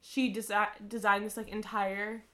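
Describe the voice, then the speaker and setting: A woman's voice: mid-range voice, level tone, unhurried, sharp tone. A young woman in casual podcast chat, chatty and trailing off with lots of fillers. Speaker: podcast co-host.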